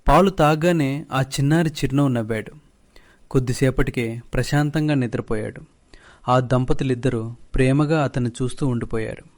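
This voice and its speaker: A man narrating a children's cartoon story in a steady, scripted storytelling manner. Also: mid-range voice, normal speed.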